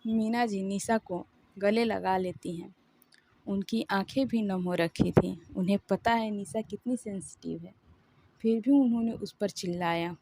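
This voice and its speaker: A woman narrates a story in a gentle, emotional way. Her voice is mellow and warm, with middling pitch. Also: a little slow, slight background noise.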